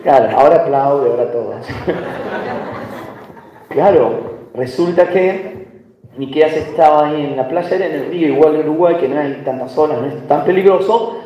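A man's voice: a little high, normal speed, pauses often, dark tone, a little hiss or hum. A man with an Argentine accent preaching a sermon, telling stories with light humor and asking the congregation questions. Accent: Argentine Spanish. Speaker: visiting pastor. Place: church hall. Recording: echoey hall from far off.

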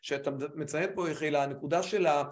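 A man's voice: fairly high pitch, steady tone. A man hosting a live online talk as a mental coach, speaking animatedly with frequent restarts and emphatic repetition.

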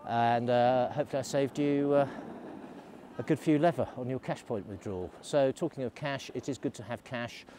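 A man's voice: mid-range voice, normal speed, dark tone, a little hiss or hum. A middle-aged man, vlogging in a chatty, rambling way while out on a snowy ski slope, filming himself at arm's length. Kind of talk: casual vlog while skiing. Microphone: selfie camera at arm's length.

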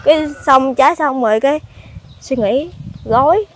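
A pregnant woman with a Southern Vietnamese accent answers interview questions in a halting way, often repeating words as she recounts. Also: high-pitched, a little hiss or hum. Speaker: fire victim being interviewed.

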